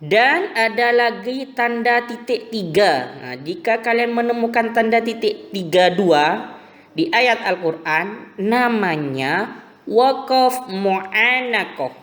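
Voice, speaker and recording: A man teaching a recorded religion lesson to primary school pupils, explaining slowly and patiently. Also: sits high, lively intonation, fairly bright tone, in a large hall. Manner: slow, patient explaining to children.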